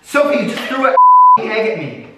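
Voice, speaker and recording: A young man hosting a chaotic baking challenge with friends at home, laughing and yelling a lot and struggling to hear. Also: very high-pitched, very animated, moderate pace. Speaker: YouTuber host. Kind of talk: chaotic casual chat. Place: home kitchen. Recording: echoey room, camera from a distance, noisy.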